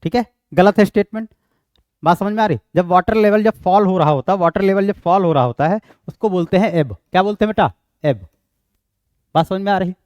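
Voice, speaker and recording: A man's voice: high-pitched, a little mellow, no echo, studio quality. A man with an Indian accent giving an exam-prep lecture, explaining step by step and answering his own questions. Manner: reads English question text slowly. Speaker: teacher.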